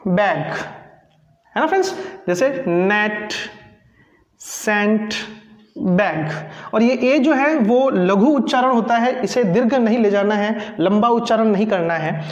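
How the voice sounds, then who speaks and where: A man teaching an English phonetics lesson, explaining spelling rules patiently and repeating them while calling his viewers friends. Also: very high-pitched. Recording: echoey room, dull lo-fi sound.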